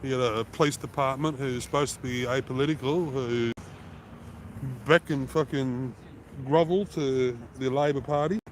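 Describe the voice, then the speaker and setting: A man's voice: medium pitch, steady tone, normal speed, a little hiss or hum. A man with an Australian accent chatting on a casual live stream, blunt and heavy on swearing, rambling with restarts. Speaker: livestreaming auditor.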